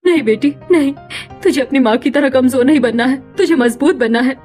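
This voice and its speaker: A woman voicing a meek, mistreated young village wife in a cartoon story, gentle and pleading. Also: high voice, fairly quick, soft background music, lightly acted.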